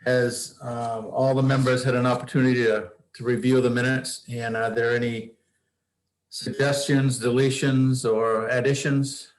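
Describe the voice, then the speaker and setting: A man chairing a board meeting in a formal, measured, procedural way. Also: mid-range voice, little pitch movement. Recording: echoey room sound.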